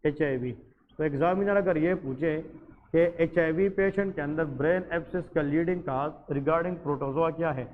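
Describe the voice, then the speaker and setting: A man's voice: on the high side, normal speed, slight background noise. A man teaching medicine in an exam-focused lecture, mixing English terms into his speech and putting questions to the class that he answers himself. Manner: addresses listeners as janab. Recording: tinny, phone-like audio with a long reverb.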